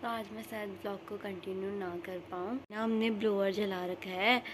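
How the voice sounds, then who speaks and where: A woman vlogger with a cold, talking softly and tiredly to the camera at home. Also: steady tone, moderate pace, background noise. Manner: soft, tired and low-key. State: sick with a cold. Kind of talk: casual vlog talk to camera. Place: at home indoors.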